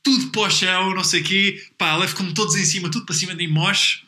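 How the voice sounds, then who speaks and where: A young man with a European Portuguese accent telling a story in a casual podcast chat, rambling and excited, with lots of fillers. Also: high-pitched, quick pace, a little hiss or hum. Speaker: podcast guest.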